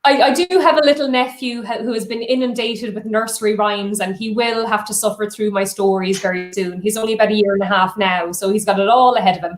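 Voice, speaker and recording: A woman's voice: mid-range voice, fairly even intonation, fairly quick, hardly any pauses. An Irish woman storyteller chatting casually as an interview guest, with a lilting way of speaking. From Ireland. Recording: roomy, echoing sound.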